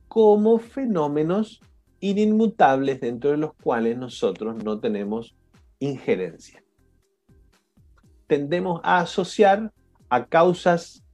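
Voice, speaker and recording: Lively Argentine man teaching online. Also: mid-range voice. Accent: Argentine Spanish. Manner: lively, questioning the class, frequent "¿no?" and "¿sí?". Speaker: coaching instructor. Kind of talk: live online class. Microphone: video call.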